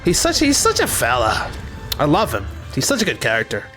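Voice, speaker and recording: A man's voice: a little high, wildly swooping pitch, fairly quick, music in the background. A young man streaming a game, chatting casually in a rambling, talkative way. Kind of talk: casual gameplay commentary.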